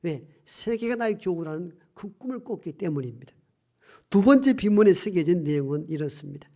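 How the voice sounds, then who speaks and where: A pastor delivers a sermon in a voice of middling pitch, pressing hard on some lines and dropping to a near-whisper on others. Key phrases are stretched out slowly for weight. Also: lively intonation. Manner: swings between emphatic raised lines and hushed near-whispers.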